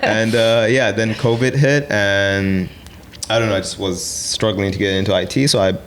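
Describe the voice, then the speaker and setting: A man in his twenties from Sri Lanka, a podcast guest chatting casually, quick and often laughing. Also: lowish voice, fairly even intonation, fairly bright tone, a little hiss or hum. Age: 20s. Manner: fast, laughs often, repeats "exactly". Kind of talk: casual interview chat.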